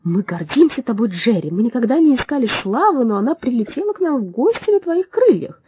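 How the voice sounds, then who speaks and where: A woman voicing a kind, patient woman doctor who reasons gently. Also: a little high, big pitch swings, fairly quick, background noise, voice pushed up. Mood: gentle.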